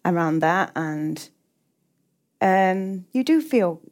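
Her voice is on the low side and a little mellow, with lively intonation and a very slow pace. She's a middle-aged English-accented writer from England, answering interview questions reflectively while hesitating and often restarting or repeating herself.

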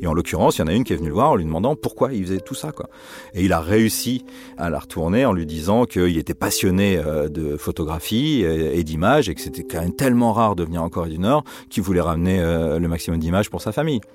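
A man who works as a cook tells a personal story in a loose, unhurried, conversational way. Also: deep voice, lively intonation, a little mellow. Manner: unhurried, loose, spoken anecdote. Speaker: cook recounting a trip.

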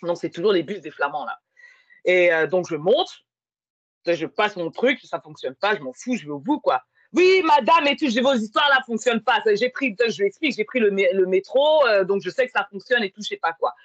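Woman, husky, mid pitch, casual anecdote with fillers, dull dry recording. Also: animated, brisk, no room sound. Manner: storytelling with many fillers. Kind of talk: casual conversation. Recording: muffled lo-fi sound.

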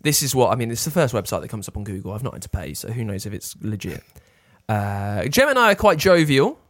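A male podcast co-host with very animated intonation. He reads out bits and comments on them casually, teasing his mates bluntly and swearing freely. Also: lowish voice, brisk, dry recording, clean studio sound. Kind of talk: casual banter, reading out and commenting.

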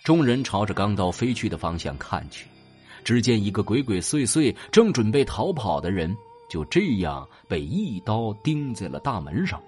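A man narrating an audio drama with dramatic, expressive storytelling, with faint music behind him. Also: lowish voice, moderate pace.

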